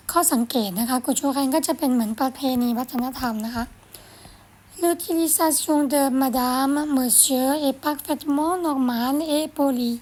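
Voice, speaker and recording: A woman teaching French, reading phrases slowly and carefully, then explaining them quickly in a gentle, encouraging way. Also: high-pitched. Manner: gentle, encouraging, ends phrases with polite particles. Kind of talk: explaining a French lesson in Thai.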